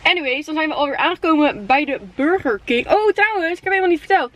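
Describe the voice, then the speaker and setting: High-voiced, excitable young Dutch woman. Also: quick pace. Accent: Netherlands Dutch. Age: 20s. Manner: excitable, exclamatory, English slang mixed in. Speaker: vlogger. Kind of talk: casual vlog chat. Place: inside a parked car at night. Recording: faint background noise in car.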